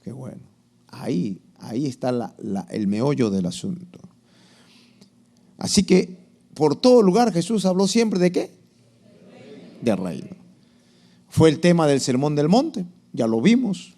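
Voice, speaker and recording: Animated male preacher giving a sermon. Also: a little high, measured pace, pauses often. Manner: asks the congregation questions, acts out quotes. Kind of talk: sermon lesson.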